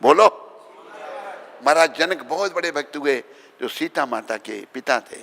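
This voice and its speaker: A man, a swami, delivers an emphatic devotional sermon, weaving in stories and throwing questions at the gathered listeners. His voice has a gravelly, rough edge. The sound rings with the long reverb of a large hall. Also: on the high side, expressive, moderate pace, bright, forceful tone. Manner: emphatic, exhorting, questions and calls to the audience.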